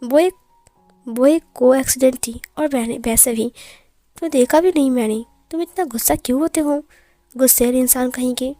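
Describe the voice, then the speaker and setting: A woman's voice: sits high, normal speed, warm tone, dry recording, faint music behind, close to an everyday voice. A woman voicing a playful, lovestruck young male omega who teases cheekily. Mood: teasing. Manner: teasing, cheeky.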